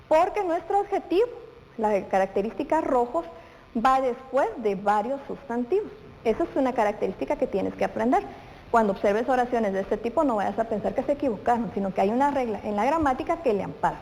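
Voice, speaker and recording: This primary school teacher's voice is a little high and a little mellow. On a televised grammar lesson for children, she addresses the pupil directly, posing questions before answering them. The room sounds reverberant, with faint noise.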